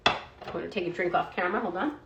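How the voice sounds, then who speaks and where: A woman's voice: fairly low pitch, racing, gravelly, noisy background. Chatty woman in a roomy echo. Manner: chatty, fillers of "like" and "um". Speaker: food product reviewer. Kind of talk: casual product review vlog.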